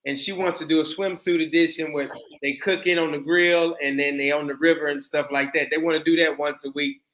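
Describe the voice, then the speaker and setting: The host, a man in his 30s, runs a casual livestream where he jokes and chats freely with guests. His pitch is fairly high and his tone steady and a bit bright, with a brisk delivery.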